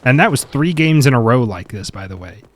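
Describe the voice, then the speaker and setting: A man's voice: medium pitch, lively intonation, fairly quick. A man giving casual, opinionated gameplay benchmark commentary, chatty and mildly exasperated. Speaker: gaming content creator.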